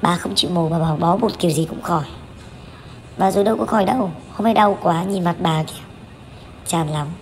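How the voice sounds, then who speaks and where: Thirties woman chatting over her vlog, lots of um and restarts, lowish voice, bit of faint hum behind. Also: fairly quick, long pauses. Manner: candid, chatty, with frequent fillers and self-corrections. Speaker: vlogger. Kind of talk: voice-over narration of a family vlog.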